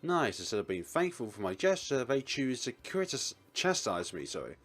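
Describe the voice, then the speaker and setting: Faint music plays behind a man whose mid-range voice is sing-song, a bit bright, and slightly rough, moving at a moderate pace. As he reads a visual novel aloud, he plays up the narrator's lines, exclaims and laughs, and keeps up a stream of playful, chuckly jokes.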